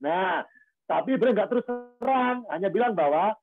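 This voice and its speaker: A man's voice: high voice, animated, a little fast, faint music behind. A man giving a religious study lecture on Quranic commentary in a conversational way, with rhetorical questions and frequent fillers. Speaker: Islamic religious teacher. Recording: tinny phone-like, dry sound.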